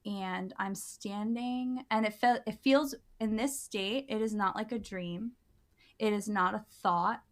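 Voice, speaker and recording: A woman co-hosting a podcast, recounting something that happened to her. She talks casually and earnestly at a middle pitch, with lots of "like" and "um" and frequent restarts. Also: measured pace. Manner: earnest, animated, many fillers and restarts. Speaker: podcast co-host. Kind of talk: casual storytelling.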